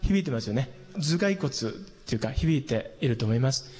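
A man teaching a singing lesson, explaining patiently and calmly, with hummed demonstrations. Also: mid-range voice, fairly quick, soft background music. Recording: long hall reverb.

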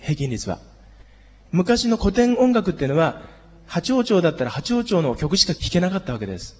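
A hoarse man teaching a group singing lesson, explaining harmony and leading the class in exercises. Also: high voice, big pitch swings, normal speed, a little mellow, in a large hall, highs cut off. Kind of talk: music lesson.

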